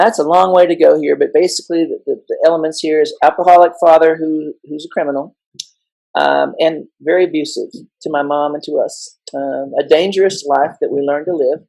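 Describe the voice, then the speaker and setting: A man's voice: on the high side, darkish tone, rough recording. A middle-aged man telling his story as a guest in a casual interview, impassioned and emphatic with a joking streak. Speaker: guest educator.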